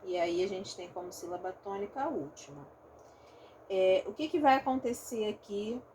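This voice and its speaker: A phonetics teacher with a Rio de Janeiro Portuguese accent explains a recorded online lesson step by step, often checking in with her students. Her medium-pitched voice is expressive and mellow, moving at a normal speed. Slight background noise sits behind her.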